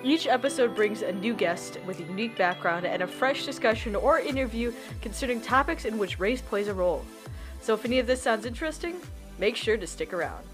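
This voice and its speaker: A woman's voice: on the high side, animated, a little fast, over music. A young woman hosting an interview podcast, earnestly introducing the show and asking her guest questions. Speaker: podcast host.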